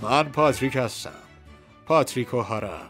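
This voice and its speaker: A man's voice: medium pitch, fairly bright tone, faint music behind, close to an everyday voice. A man voicing a blunt cowboy hero with a dry sense of humor, close to his own voice.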